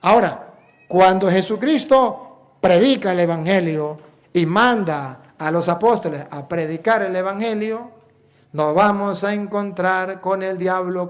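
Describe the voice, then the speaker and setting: A Venezuelan priest with a Venezuelan Spanish accent preaches a sermon, emphatic and repetitive and packed with rhetorical questions. His voice is high-pitched and a little slow.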